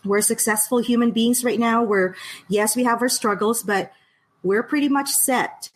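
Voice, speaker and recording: A woman's voice: fairly high pitch, normal speed, rough recording. A woman, an education director speaking earnestly as a guest over a video call and laughing easily. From Philippines. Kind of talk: casual interview over a live stream.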